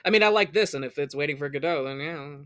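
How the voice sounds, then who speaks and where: This man co-hosts a podcast and retells a stage musical in a loose, jokey, conversational style. He talks fast in a fairly high, slightly bright voice, with no room sound.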